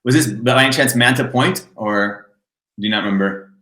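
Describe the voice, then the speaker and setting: A man's voice: medium pitch, normal speed, echoey room, poor audio. A man hosting an interview podcast, chatting casually with his guest and often murmuring agreement while she talks. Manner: relaxed, chatty, frequent "mm-hmm" backchannels. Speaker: podcast host.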